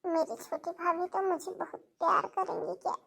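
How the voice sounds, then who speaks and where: A woman voicing a timid, mistreated young unmarried sister in a cartoon, speaking in a soft, pleading way. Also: very high-pitched, level tone, moderate pace, vocal fry, full character voice. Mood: relieved. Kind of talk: cartoon voice acting.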